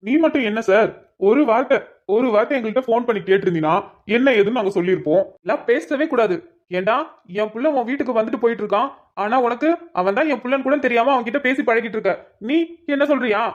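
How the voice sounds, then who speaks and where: A woman's voice: on the high side, fast, lightly acted. A woman voicing a male friend in a cartoon who complains and teases in banter. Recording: dull lo-fi recording.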